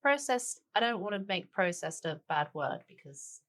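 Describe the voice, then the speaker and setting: She's very animated, speaking at normal speed with a medium pitch and a fairly bright tone. A guest chef and cookbook author in her forties, born in Denmark and raised in Tanzania, she chats easily in a relaxed interview, sprinkling in "sort of" and "you know."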